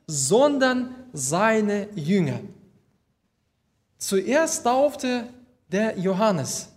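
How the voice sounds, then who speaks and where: A man with a high-pitched voice preaching a sermon. He talks unhurriedly and pauses to think, stopping between Bible readings to explain them point by point. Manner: slow, deliberate, with hesitations.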